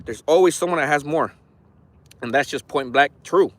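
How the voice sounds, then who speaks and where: A man's voice: fairly high pitch, normal speed. A man in his forties chatting on a phone livestream outdoors, rambling and frank, swearing freely with tough talk. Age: 40s. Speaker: RC hobby vlogger. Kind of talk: casual livestream chat. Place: outdoors near an orchard.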